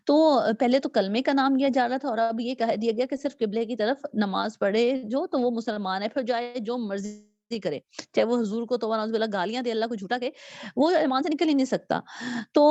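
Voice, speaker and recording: A woman's voice: on the high side, a little mellow, dry recording. A woman giving a religious lecture, explaining step by step and reading scripture translations aloud with hesitant fillers. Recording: dull, dry lo-fi recording.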